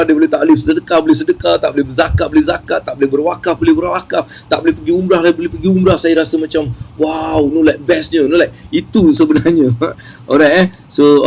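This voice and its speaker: A man giving a motivational seminar talk about wealth, chatty and lively, repeating phrases for emphasis. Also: a little high, a little hiss or hum, poor audio.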